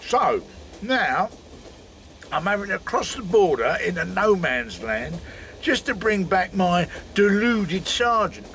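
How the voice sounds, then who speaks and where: An actor playing a fat, selfish, sarcastic older police chief inspector in a radio comedy drama. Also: male voice, high-pitched, sing-song, slow, fairly bright tone, slight background noise, exaggerated voice. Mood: grumbling. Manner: gruff, sarcastic, grumbling.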